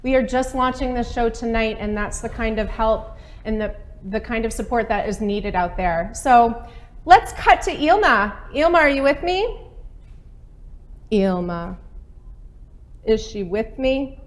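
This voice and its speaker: Woman host, thirties, high and bright-spirited, chatty live-stream delivery. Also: expressive, measured pace. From Maine. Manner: upbeat, chatty, laughs often. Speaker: webcast host. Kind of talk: live webcast hosting. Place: studio set with a small table and laptop.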